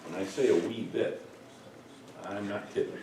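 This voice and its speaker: A middle-aged man instructing a group in a hands-on demonstration, relaxed and joking as he works. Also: lowish voice, moderate pace. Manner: relaxed, jokey, talks while working. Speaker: first aid instructor. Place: room with participants. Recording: echoey room, distant mic, noisy.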